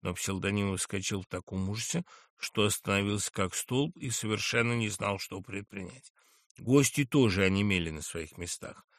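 A man's voice: fairly low pitch, normal speed, no echo, clean studio sound. A man giving a dramatic, theatrical reading of a classic story. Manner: expressive, theatrical narration. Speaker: reader.

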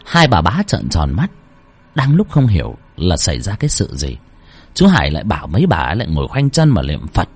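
Low, husky male horror narrator. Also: huge pitch swings, brisk, a little mellow. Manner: dramatic storytelling. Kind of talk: scripted horror story narration.

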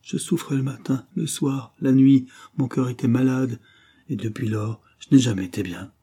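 A man's voice: medium pitch, moderate pace, mellow, breathy edge, pitched above the performer's own voice. A man voicing a proud, wild, distraught dying woman in an audiobook, vehement and prone to angry outbursts. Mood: pleading, intense. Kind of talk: audiobook character reading.

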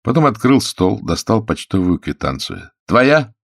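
A man reading an audiobook aloud in steady, measured narration. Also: very deep voice, no room sound, clean studio sound. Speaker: audiobook reader. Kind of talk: scripted narration.

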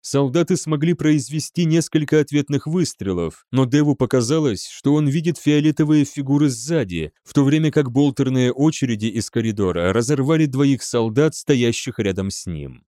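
Male narrator, dramatic scripted reading, lively pitch. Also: normal speed, hardly any pauses, no echo, studio quality. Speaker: audiobook narrator.

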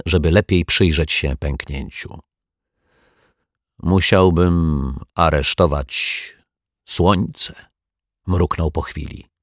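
A man calmly reading a children's story aloud, talking straight to the young listener. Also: very deep voice, husky, no echo, studio quality. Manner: calm, measured, speaks to the young listener.

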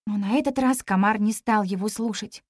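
A woman narrating a children's storybook in the first person, expressive and clear. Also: mid-range voice, normal speed, no echo, clean studio sound. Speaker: audiobook narrator.

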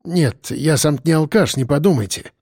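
A man voicing a grieving middle-aged father who is bitter and vengeful, talking hoarsely in tearful outbursts. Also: moderate pace, a little mellow, dry recording, clean studio sound. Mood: weary confession. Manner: hoarse, swings from muttering to shrill outbursts.

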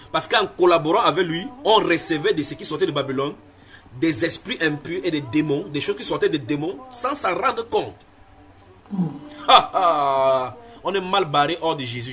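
Guy giving a sermon, kinda high voice, keeps repeating himself, asks the listeners stuff. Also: fairly bright tone. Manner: emphatic, repeats phrases, asks listeners questions. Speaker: preacher. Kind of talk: sermon teaching with Bible reading.

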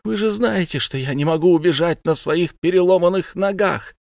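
A man's voice: high-pitched, normal speed, gravelly, darkish tone, no room sound, clean studio sound, voice pushed up. A man reading an audiobook voices a widowed peasant mother who wails and pleads desperately with the judges. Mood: frantic wailing. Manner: wailing, sobbing cries and desperate pleas.

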